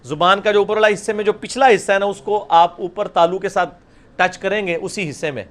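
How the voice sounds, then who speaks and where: This high-pitched man keeps a fairly even intonation while teaching recitation by video call. He repeats every sound slowly and loudly for his students.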